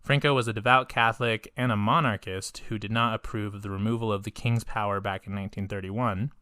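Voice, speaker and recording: A man's voice: fairly low pitch, steady tone, fairly quick, bright, forceful tone, clear, resonant tone, no echo, studio quality. A man co-hosting a podcast in casual chat, rambling with lots of fillers, casual swearing and frequent laughs. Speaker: podcast co-host.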